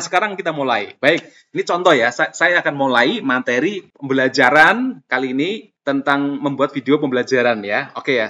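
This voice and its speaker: A teacher trainer with a slightly high, somewhat bright voice walks teachers through a casual screen-recorded tutorial step by step. He keeps it chatty and full of fillers. The sound is dull and lo-fi.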